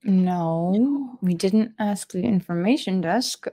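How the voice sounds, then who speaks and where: Playing her character in a tabletop game, a woman speaks in a warm, mid-range voice. She's slow, hesitant and playful, laughing often.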